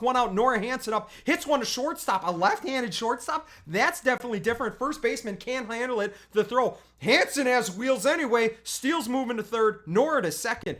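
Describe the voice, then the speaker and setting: A youth softball coach narrates game highlights in a loose, chatty play-by-play. The delivery is full of quick asides and self-corrections, and it jumps to loud, excited cheering on big plays. The pitch sits in the middle range. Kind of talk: highlight recap commentary over game video.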